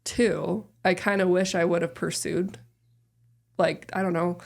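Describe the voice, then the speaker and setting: Deep-voiced woman in her thirties, gravelly. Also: a little slow. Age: 30s. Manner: relaxed, rambling, many fillers. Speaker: podcast guest, host's sister. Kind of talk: casual family chat.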